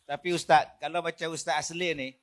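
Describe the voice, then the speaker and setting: A man's voice: fairly high pitch, level tone, fairly quick, a bit bright. A man, a fellow panelist cutting in with teasing jokes during a religious forum. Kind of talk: joking interjections on a forum panel.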